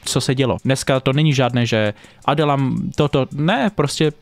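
A man's voice: mid-range voice, vocal fry, soft background music. A man giving casual reaction commentary on stream clips, mocking and swearing freely.

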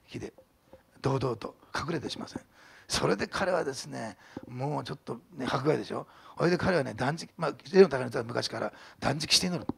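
Male pastor, gravelly and husky, with a lively, swooping delivery, preaching in a chatty storytelling sermon. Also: a little high. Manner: conversational, animated storytelling with quoted voices. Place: church sanctuary.

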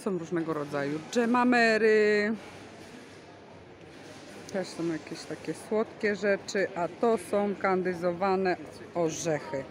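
A lowish-voiced woman takes her time, speaking slowly as she hosts a casual vlog. She explains goods with enthusiasm while filming from behind a handheld phone in a large covered market hall, and the recording is full of busy market crowd noise.

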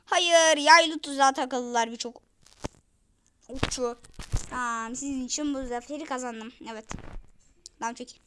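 A woman hosting a gaming channel, commenting on her play in an excitable, chatty way with sudden yells. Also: high-pitched, a little slow, pauses often, noisy background. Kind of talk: game commentary.

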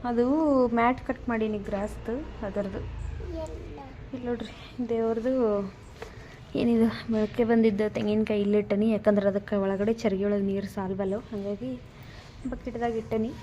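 A woman's voice: on the high side, fairly even intonation, moderate pace, long pauses, warm tone, dull audio, a little hiss or hum. A young woman, chatting casually to viewers in a home vlog and showing them her housework. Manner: chatty, keeps saying "look" to viewers. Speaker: vlogger and mother.

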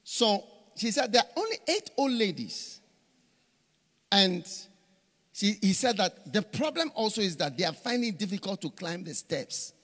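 A husky, high-sitting voice belongs to a middle-aged preacher speaking at normal speed at a conference. Holding a mic on a large church stage, he tells lively stories packed with repeated phrases, recorded amid hall reverb.

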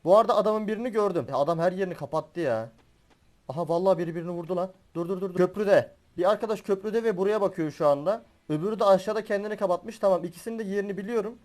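A young man giving excitable commentary while he plays a battle royale game as a gaming YouTuber, swearing and laughing as he goes. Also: high-pitched, rapid-fire. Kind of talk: live gameplay commentary.

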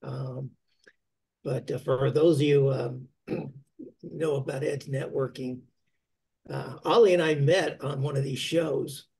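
A man's voice: medium pitch, steady tone, takes it slowly, gravelly, darkish tone, husky. A man, an author who helps others publish, telling a friendly anecdote on a video call panel.

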